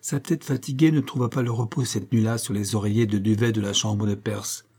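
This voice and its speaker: A man narrating a classic novel as an audiobook, reading in a measured, expressive way. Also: on the low side, husky. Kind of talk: scripted literary narration.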